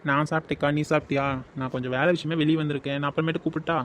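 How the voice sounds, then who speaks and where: A man's voice: on the high side, fairly even intonation, slight background noise, close to an everyday voice. A man voicing a brash, pushy young village man in a cartoon, ordering people about. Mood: placating. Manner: bossy, rapid-fire demands. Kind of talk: dubbed cartoon dialogue.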